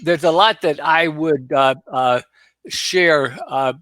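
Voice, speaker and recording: A man speaking as a guest over a video call, explaining in a halting way with many fillers and restarts. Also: on the high side, a bit bright, no echo. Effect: heard over a video call. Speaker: guest presenter. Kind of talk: casual explanation on a webinar.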